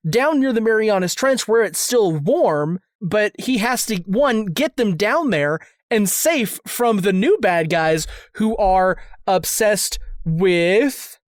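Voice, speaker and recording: A podcast co-host chatting casually, often interrupting to question and steer the pitch. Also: animated, takes it slowly, few pauses, dry recording, studio quality. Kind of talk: casual comedic chat.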